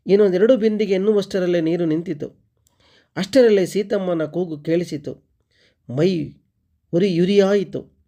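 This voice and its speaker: A man reading a short story aloud as narrator and teacher, steady and expressive. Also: high-pitched.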